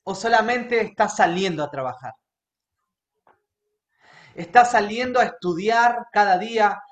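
A high-voiced man, preaching a sermon in an earnest, personal way. He keeps checking in with his congregation as he talks. The sound is roomy and echoey. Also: measured pace. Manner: earnest, checks in with the congregation by asking "right?" again and again. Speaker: pastor. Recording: echoey room.

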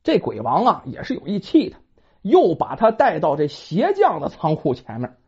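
A woman's voice: low voice, wildly swooping pitch, moderate pace, darkish tone, husky. A woman telling a folk tale in a dramatic, colloquial storytelling manner, in a dull lo-fi recording.

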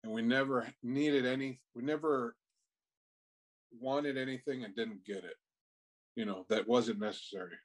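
Man, podcast guest, easygoing and halting, casual swearing, middle pitch. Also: rough recording. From Texas. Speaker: guest, tattoo artist. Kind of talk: casual interview chat.

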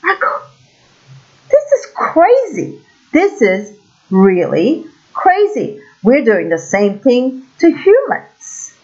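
Lively woman from Turkey, slow and animated. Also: sits high, lo-fi sound. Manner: animated storytelling, exclaims in quoted asides. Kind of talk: casual monologue.

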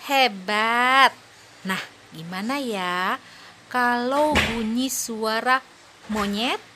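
A woman with a slightly high voice plays a cheerful young mother in a kids' audio play, with background noise present. She talks slowly and patiently to her two small daughters, offering praise and encouragement.

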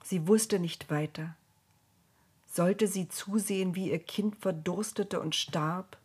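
Female storyteller, calm children's reading, breathy, unhurried. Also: on the low side.

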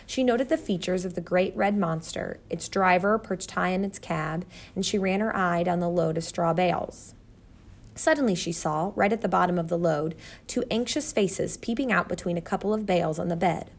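A woman's voice: lowish voice, normal speed. A woman narrating a children's storybook steadily. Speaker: audiobook narrator.

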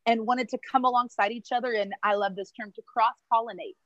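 Speaking from a marketplace on a casual livestream video call, a women's ministry leader is enthusiastic and chatty and full of quick asides. Her voice is a little high and a bit bright, with fairly even intonation. There's no echo, though the highs are cut off.

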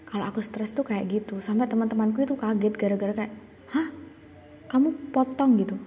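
Mellow-voiced young woman telling her story. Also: medium pitch, level tone, fast, slight background noise. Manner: reflective, confessional, hesitant with restarts. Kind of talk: casual personal storytelling. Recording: long reverb.

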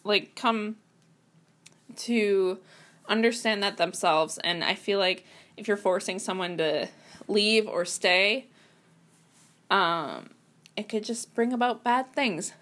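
At home at her computer, a young woman talks casually on her own about writing tips, full of fillers and restarts. Her medium-pitched voice is a bit bright, slow, and broken by frequent pauses.

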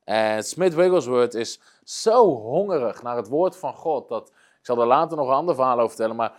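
A man's voice: mid-range voice, expressive, moderate pace. A man preaching, retelling a story earnestly, with frequent hesitations. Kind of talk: storytelling sermon.

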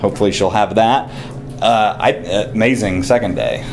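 Low-voiced man recording a casual diary. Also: moderate pace. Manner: informal, often recapping the time and day. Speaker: host of an audio travel diary. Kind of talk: casual spoken audio diary. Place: on the move through hotel lobbies and streets. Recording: handheld recorder with clear ambient noise.

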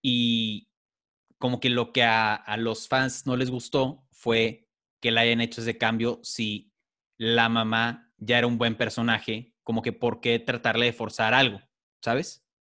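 An easygoing man hosts a casual podcast conversation. He talks in a relaxed, rambling way at a middle pitch and steers the chat from topic to topic. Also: a little slow. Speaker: podcast host.

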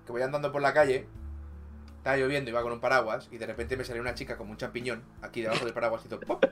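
Bright-voiced Spanish man telling stories. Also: mid-range voice, rapid-fire, faint music behind. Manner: animated storyteller, acts out dialogue, frequent laughter. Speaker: podcast co-host. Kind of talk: casual chat.

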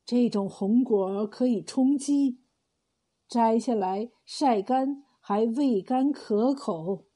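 A woman voicing a kind, wise old male village healer who speaks slowly and calmly in a storybook tale. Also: on the high side. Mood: gentle.

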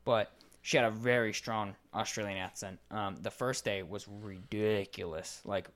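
A young American man co-hosting a podcast, telling stories in a casual, animated way and swearing a lot. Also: on the low side, moderate pace. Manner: animated storytelling with frequent swearing. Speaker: podcast co-host. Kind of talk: casual chat.

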